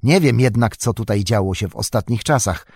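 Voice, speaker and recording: A man with a husky voice reading the part of a weary, steady human ranger in an audiobook, calm and measured. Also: fairly low pitch, no echo, studio quality. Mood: earnest.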